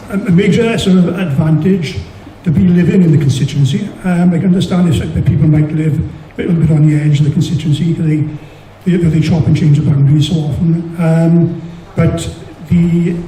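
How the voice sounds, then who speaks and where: A man's voice: on the high side, steady tone, normal speed, mellow. A man from South Wales with a Valleys accent, answering hesitantly at a public hustings, often repeating words. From Merthyr Tydfil, Wales. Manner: hesitant, stammered repetitions. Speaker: election candidate. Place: indoor public meeting hall. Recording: echoey, distant mic, faint noise.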